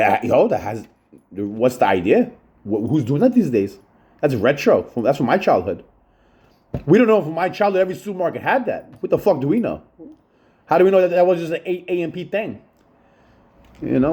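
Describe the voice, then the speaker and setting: A man's voice: fairly high pitch, sing-song, fairly quick, pauses often, mellow. A middle-aged man, rambling profanely in a solo monologue about his childhood, repeating himself and saying "yo" often. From Long Island, New York. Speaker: channel host.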